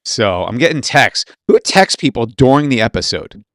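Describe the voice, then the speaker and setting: Excitable podcast guy with a lively voice. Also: medium pitch, moderate pace, no echo, studio quality. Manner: loud, excitable, lively delivery. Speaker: podcast co-host. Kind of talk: casual chat. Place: small room, podcast recording.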